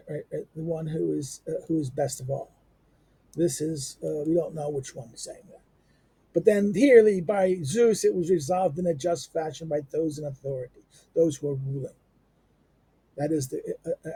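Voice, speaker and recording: A middle-aged man giving an unscripted lecture on a text, halting with many fillers, restarts and rhetorical questions. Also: a little high, mellow, husky.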